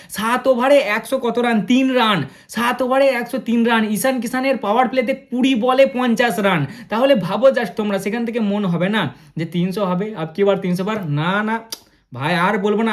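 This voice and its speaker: Man, cricket vlogger, quick and excitable, chatty match review aimed straight at viewers. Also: high-pitched. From India. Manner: fast-talking, excitable, addresses viewers directly.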